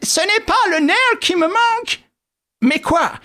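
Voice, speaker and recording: A man reading an audiobook, voicing a flustered Englishman with a broken arm in a high, strained, whiny voice. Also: animated, unhurried, sharp tone, heavily acted.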